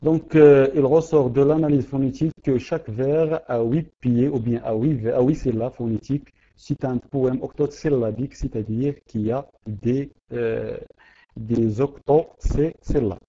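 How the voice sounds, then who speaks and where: A man's voice: mid-range voice, fairly even intonation, measured pace, warm tone. A man teaching poetry in an online class, hesitant, often repeating words and saying euh. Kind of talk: online lesson. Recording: dull lo-fi audio.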